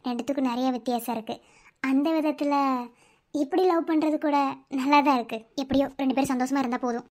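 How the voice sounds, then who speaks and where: A woman voicing a sympathetic young woman in a cartoon, talking softly and thoughtfully in a Madurai Tamil accent. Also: sits high, fast, lightly acted. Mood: reflective. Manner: soft, reflective. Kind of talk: cartoon voice acting.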